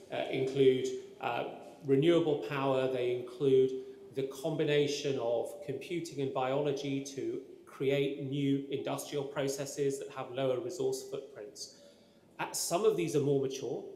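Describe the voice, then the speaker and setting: A man speaking as a panelist over a video call from a home office, explaining in a measured way. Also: medium pitch, darkish tone. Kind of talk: panel discussion answer. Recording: roomy echo with long reverb.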